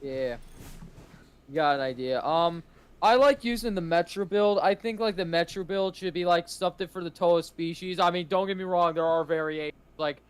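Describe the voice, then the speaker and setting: A man's voice: on the high side, normal speed, smooth. A young man chatting casually on a livestream, hesitant and often restarting.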